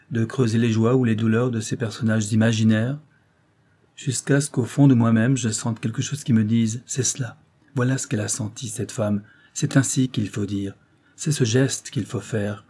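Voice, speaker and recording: A man's voice: medium pitch, mellow, close to an everyday voice. A man voicing a proud young actress who is cold and defiant, giving firm, clipped replies in an audiobook reading.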